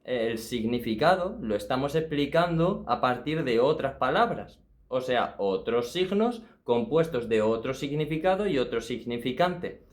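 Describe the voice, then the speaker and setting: A man talks to camera in a mid-pitched voice. He muses slowly through a philosophy topic, hesitant and thoughtful, often restarting and asking his listeners rhetorical questions. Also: animated. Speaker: channel host. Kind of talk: personal philosophy talk to camera.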